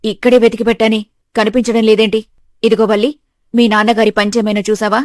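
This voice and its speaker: A woman voicing a stern, bossy middle-aged mother-in-law in an animated story, with a harsh, scolding manner. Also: fairly high pitch, quick pace, no echo, studio quality, natural voice.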